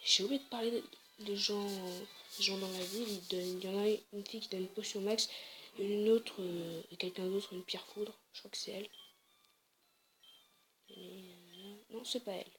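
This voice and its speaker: A woman's voice: medium pitch, fairly even intonation, normal speed, background noise. A woman casually commenting on her game, chatty and hesitant, often correcting herself. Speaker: let's play gamer.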